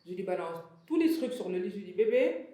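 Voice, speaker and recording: A woman's voice: lowish voice, sing-song, fast talker, dark tone. A young woman from Senegal and Benin, a fashion entrepreneur, talking frankly and animatedly as a guest in a studio interview, with many hesitations. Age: young adult. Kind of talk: casual interview talk. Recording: very echoey room, distant mic.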